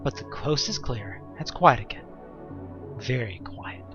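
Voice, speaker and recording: A man narrates a second-person horror story for an audio drama, theatrical and suspenseful yet dropping wry, casual asides. His medium-pitched voice is expressive and unhurried, with music in the background and a lo-fi quality to the recording.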